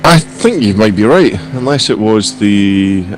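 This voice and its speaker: A male race commentator with a hoarse, croaky voice that sits fairly low. He calls the action in a casual, live style, with a faint hum of car engines behind him. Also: animated, a little slow. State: hoarse from coughing. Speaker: sim racing stream commentator.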